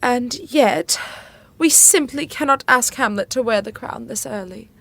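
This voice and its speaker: A woman's voice: a little high, unhurried, vocal fry, a bit bright, exaggerated voice. An actress playing an anxious, devoted middle-aged widowed queen in an audio drama, with refined, earnest and emotive delivery. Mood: pained, hesitant.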